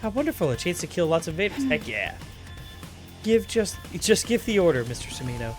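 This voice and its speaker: A man voices a brainwashed female student soldier who recites her loyalty flatly and dutifully. Game music runs underneath. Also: high-pitched, fairly quick, pitched above the performer's own voice. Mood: obedient.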